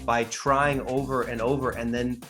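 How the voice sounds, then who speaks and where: A man in his thirties co-hosting a casual podcast, telling a story in a halting way with many restarts. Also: mid-range voice, little pitch movement, a bit bright, soft background music. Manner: halting, restarts often, laughs easily. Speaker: podcast co-host.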